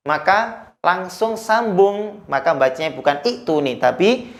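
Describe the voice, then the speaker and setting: A Quran recitation teacher giving a recorded lesson, chanting verses slowly in a higher voice and explaining the rules quickly in a lower one. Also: expressive.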